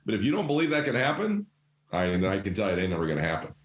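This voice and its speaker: A man's voice: fairly low pitch, very fast. Casting note: middle-aged male guest coach, passionate and emphatic, conversational storytelling, roomy echo. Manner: emphatic, animated, acts out quoted voices, casual swearing. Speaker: guest, leadership coach and former principal.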